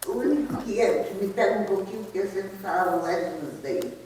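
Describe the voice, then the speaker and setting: A student reciting slowly and carefully in class. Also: medium pitch, darkish tone, very echoey, distant mic, a little hiss or hum, low-quality recording.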